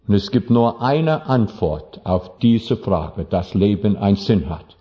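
Brief: male pastor, halting sermon storytelling with slips, lowish voice, dull lo-fi sound. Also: expressive, breathy edge. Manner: non-native German, halting, with slips. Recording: dull lo-fi recording.

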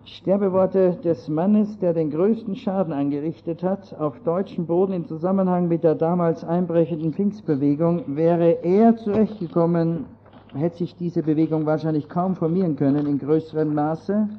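A man with a somewhat Germanized Austrian accent gives an earnest, digressive talk on church history to an audience. His voice is on the high side at normal speed. The dull lo-fi audio carries a little hiss or hum.

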